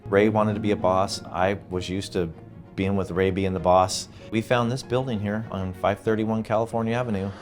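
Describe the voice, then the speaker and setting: A man with a low voice tells animated stories in a relaxed interview, laughing often and restarting his sentences. He sounds middle-aged, and faint music plays underneath. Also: normal speed. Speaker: funeral home co-owner, guest. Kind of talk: casual interview storytelling.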